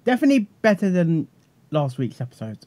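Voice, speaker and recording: A man's voice: fairly high pitch, wildly swooping pitch, brisk, warm tone. A man in casual commentary chat, inquisitive and asking many questions. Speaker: co-host reviewing a cartoon episode.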